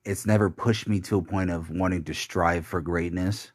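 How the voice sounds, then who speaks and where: A young man with a deep, low voice speaks solo into the mic as a podcaster, delivering a bitter, rambling confessional monologue in a fairly even intonation. He curses a lot and halts constantly, restarting sentences and leaning on fillers. The dry, close recording carries no room sound.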